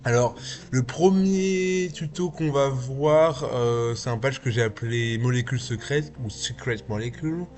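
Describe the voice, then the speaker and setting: Male tutorial host, lightly lisping, informal and slow-paced, talking through steps over music. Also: mid-range voice, a little mellow. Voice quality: slight lisp. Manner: informal, step-by-step, thinking aloud. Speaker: tutorial host, video artist and VJ. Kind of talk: casual software tutorial. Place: small indoor home studio.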